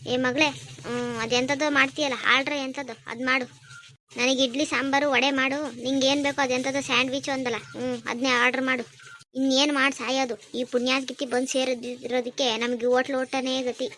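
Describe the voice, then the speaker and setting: Cartoon: high-voiced, domineering mother-in-law, voiced by a woman, sharp and taunting. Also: little pitch movement, fairly quick, slight background noise. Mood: scolding. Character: domineering scolding middle-aged mother-in-law. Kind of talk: cartoon voice acting.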